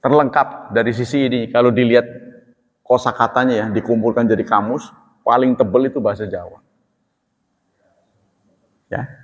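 A man teaching religion in a relaxed, chatty way, joking and laughing as he talks. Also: mid-range voice. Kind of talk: casual religious talk. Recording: long hall reverb.

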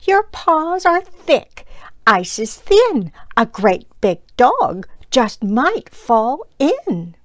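A woman's voice: high voice, sing-song, drawn-out words, no room sound, clean studio sound, pitched above the performer's own voice, full character voice. A woman voicing a small, brave girl who taunts a big dog in sing-song rhymes as she reads a storybook aloud. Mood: taunting.

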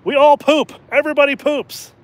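A man hosting a casual livestream outdoors at night, jokey and rambling, his throat slightly hoarse from talking. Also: very high voice, fairly even intonation, normal speed, no room sound. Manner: rambling and jokey, laughs often. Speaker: channel host and rideshare driver.

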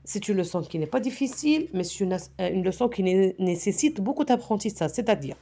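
A woman's voice: mid-range voice, animated, fairly quick, creaky, warm tone. A middle-aged woman teaching a primary spelling lesson with patience, checking in often with the class and with parents. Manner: patient, repeats "d'accord?".

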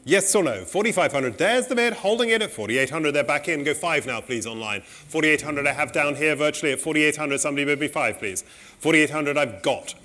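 A middle-aged man working as an auctioneer, calling bids in a saleroom in a brisk, polite, repetitive way. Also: a little high, lively intonation, bright, forceful tone.

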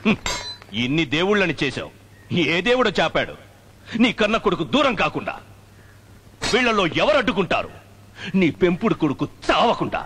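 An actor playing a cruel, menacing film villain who taunts and threatens in a sneering, melodramatic way. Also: male voice, sits high, very animated, fairly quick, long pauses, noisy background. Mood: taunting. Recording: film scene under loud dramatic music.

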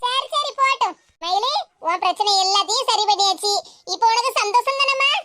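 Speaking briskly in a very high-pitched voice over a very noisy background, a woman voices a cartoon village aunt. The character, middle-aged, proud and warm-hearted, uses southern Tamil's Tirunelveli-Kanyakumari dialect with affection, comfort and drama.

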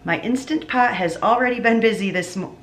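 This cooking vlogger, a woman in her thirties, talks briskly in a slightly high voice while prepping meals at home in her kitchen. Chatty and prone to cutting herself off to restart, she laughs whenever she slips up. Her camera mic sits on the counter or is held at arm's length.

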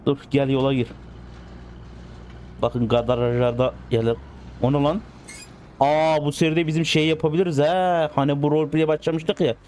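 Excitable young-sounding man narrating a driving game. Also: on the high side, moderate pace, long pauses. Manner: excitable, coaxing the cars like pets. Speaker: gaming channel host. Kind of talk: casual gameplay commentary.

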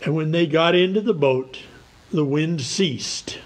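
A man preaching a sermon, reading scripture in a slow, earnest way. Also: on the high side, poor audio. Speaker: pastor.

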